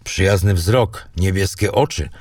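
A man narrating a historical tale in a measured, dramatic reading. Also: low-pitched, a little mellow, breathy edge, no room sound, clean studio sound, distant mic. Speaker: audiobook narrator. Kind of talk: storybook narration.

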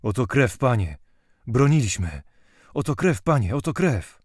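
A man doing an old slave man, wailing and hurried. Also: fairly low pitch, darkish tone, no room sound, studio quality, close to an everyday voice. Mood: pleading. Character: old Germanic male slave, bloodied and pleading.

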